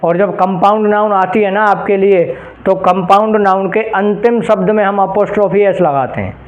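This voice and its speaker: A male English grammar teacher giving an exam-prep lesson. He explains each rule patiently and reads out example phrases slowly, stopping to ask his students rhetorical questions. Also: high-pitched, lo-fi sound. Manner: addresses students directly and checks understanding with rhetorical questions.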